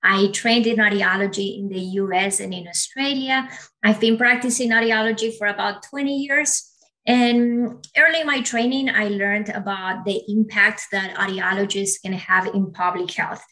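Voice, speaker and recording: A woman's voice: medium pitch, steady tone, moderate pace, sharp tone, rough recording. A woman in her forties from Ecuador, a native Spanish speaker, explaining her work as an audiologist in an interview with fillers and restarts. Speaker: audiologist guest.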